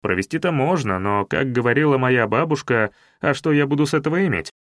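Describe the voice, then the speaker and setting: A man's voice: mid-range voice, expressive, brisk, no echo, studio quality, natural voice. A man reading an audiobook, voicing a cocky young male cook who wisecracks and asks curious questions. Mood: joking. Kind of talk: audiobook character voice.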